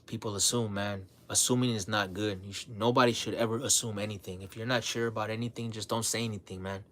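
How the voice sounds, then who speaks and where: A man talking casually to his livestream audience, relaxed and blunt, sprinkling his talk with "man" and "bro", often repeating and restarting his words. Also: lowish voice, fast, slight background noise. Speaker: livestream host.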